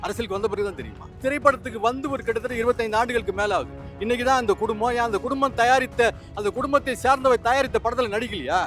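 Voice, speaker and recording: A man's voice: very high-pitched, fast talker, a bit bright, soft background music. A man giving argumentative political commentary, firing off indignant rhetorical questions.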